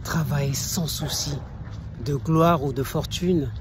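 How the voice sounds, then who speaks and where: A man's voice: on the high side, slow pace. A male actor playing a proud, scornful poet-swordsman, declaiming a theatrical verse monologue in a hammy stage manner. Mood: wistful, proud. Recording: noticeable background noise.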